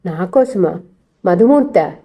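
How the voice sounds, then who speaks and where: A woman's voice: fairly low pitch, animated, slow, dark tone, full character voice. A woman voicing a proud, defiant young wife with a cutting, sarcastic way of talking.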